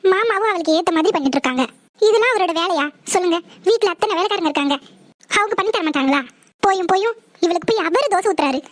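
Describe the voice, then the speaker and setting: Woman doing a whiny bossy young woman for a cartoon, super high voice, talks fast. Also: lively intonation. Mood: complaining. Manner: demanding, whiny. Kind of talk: cartoon voice acting.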